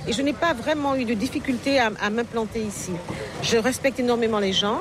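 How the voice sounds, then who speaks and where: Interviewed casually at an outdoor market among people, a middle-aged Parisian novelist responds in a reflective, hesitant way, often saying "euh" and starting over. Her female voice is fairly high and fairly quick. The background is busy with crowd chatter and vehicles going by.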